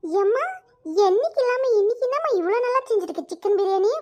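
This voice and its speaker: A woman's voice: extremely high pitch, animated, fast, warm tone. A woman voicing a teasing, whiny teenage daughter in a cartoon. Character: sulky teenage daughter Aishu.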